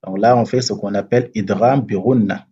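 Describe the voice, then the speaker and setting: A man teaching Quran recitation rules step by step, patiently checking that learners follow and chanting the verses slowly. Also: lowish voice, fairly even intonation, warm tone, lo-fi sound, a little hiss or hum. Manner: patient, repeats and checks understanding; slow drawn-out recitation of verses. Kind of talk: step-by-step tajweed lesson.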